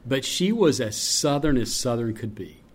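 A man with a deep voice, a public address announcer from North Carolina, telling stories in an interview. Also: animated, normal speed, slightly rough. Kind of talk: interview conversation.

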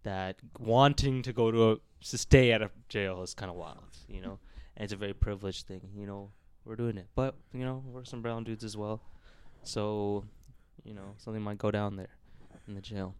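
A man with a smooth, fairly low voice chatting as a podcast guest. He jokes around, dropping provocative lines in a deadpan way. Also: moderate pace, hardly any pauses, dry recording. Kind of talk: casual podcast chat.

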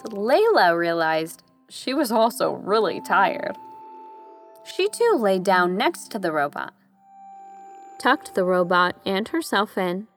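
A woman reads a children's story aloud in a gentle, expressive way. She takes her time, and her pitch rises and falls in a lively way. Music plays clearly behind her narration. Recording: narration over background music.

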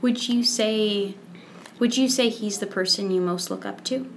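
Woman, podcast host, mid-range voice, gentle questions, faint background hiss. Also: mid-range voice, a little slow. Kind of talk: conversational interview.

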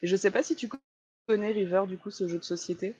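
A woman's voice: mid-range voice, steady tone, quick pace, a little mellow, husky, muffled recording. A woman hosting a casual talk show, chatting with many hesitations and fillers as she introduces a haunted place. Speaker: host.

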